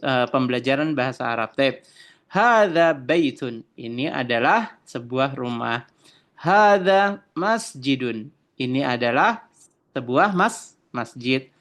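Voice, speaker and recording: A man teaching an online Arabic lesson, stretching out each drill phrase slowly, then explaining quickly with fillers and restarts. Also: on the high side, a bit bright. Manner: addresses listeners as friends, many fillers and stutters.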